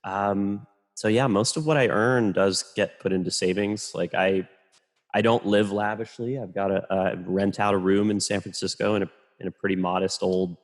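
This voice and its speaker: A man, a photographer, talking casually and rambling in a relaxed, self-deprecating way as a podcast guest. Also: lowish voice, moderate pace.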